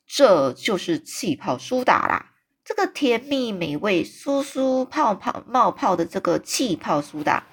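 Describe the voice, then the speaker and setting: A woman voicing a big friendly male giant who exclaims and stretches his words out slowly. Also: mid-range voice, sing-song, breathy edge. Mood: excited. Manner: exclaiming, drawn-out slow emphatic phrasing.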